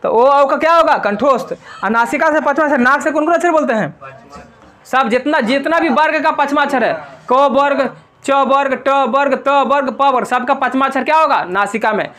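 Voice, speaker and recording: A man's voice: very high voice, normal speed, bright, forceful tone. A young man teaches grammar in a classroom. He drills his students, firing questions and repeating their answers back to them.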